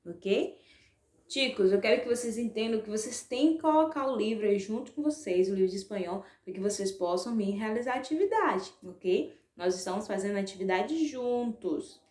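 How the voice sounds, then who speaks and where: A woman with a Brazilian accent teaching a Spanish lesson to schoolchildren, spelling out words slowly by syllable and checking in with a frequent "ok?". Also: mid-range voice, lively intonation. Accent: Brazilian Portuguese. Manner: slow, drawn-out, spelling out syllables. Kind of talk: online class lesson. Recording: echoey room.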